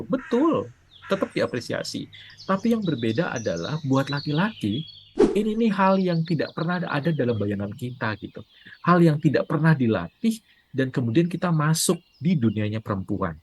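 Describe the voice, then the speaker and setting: A man's voice: medium pitch, slight background noise. A man who is a parenting coach, talking casually and acting out quoted spouses with a raised voice. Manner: animated, acts out quoted wives with a raised voice. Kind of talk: casual talk to camera.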